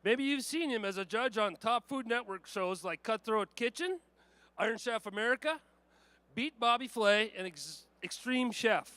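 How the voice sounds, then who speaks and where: A man's voice: high voice, animated, moderate pace, sharp tone, dry recording. A man reading a prepared introduction to open a live expo contest. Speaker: event announcer. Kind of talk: scripted announcement.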